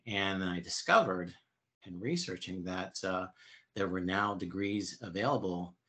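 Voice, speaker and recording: Very deep-voiced man in his fifties. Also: a bit bright. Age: 50s. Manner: explanatory, halting. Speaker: interview guest. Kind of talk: conversational interview answers.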